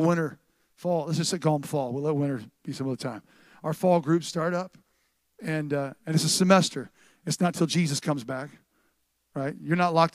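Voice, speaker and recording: A middle-aged man preaching a sermon to a live congregation in an animated, conversational way, often restarting his sentences and swinging between loud and soft. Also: fairly high pitch, no echo. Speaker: pastor. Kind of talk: sermon with church announcements. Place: church service with a live congregation.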